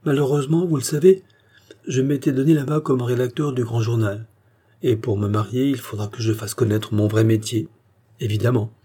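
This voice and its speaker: A man's voice: medium pitch, fairly even intonation, moderate pace, dark tone, slightly rough, lightly acted. Man reading as an eager lovesick young inspector. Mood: earnest.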